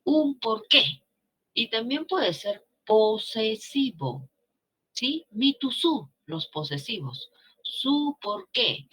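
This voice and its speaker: A woman's voice: medium pitch, fairly bright tone, slightly rough. A woman teacher with a Peruvian Spanish accent giving a grammar lesson, coaxing students along with frequent check-in questions.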